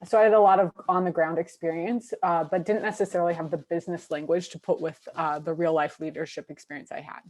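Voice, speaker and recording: A woman from Portland, Oregon, answering panel questions in a friendly, energetic way. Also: fairly low pitch, fast talker, hardly any pauses. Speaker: panelist, MSx student.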